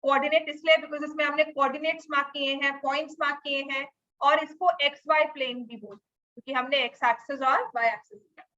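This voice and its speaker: A woman's voice: high-pitched, fairly even intonation, quick pace, bright, forceful tone. A woman maths teacher giving a class lesson, mixing Hindi and English and often checking that students follow. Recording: dull lo-fi recording.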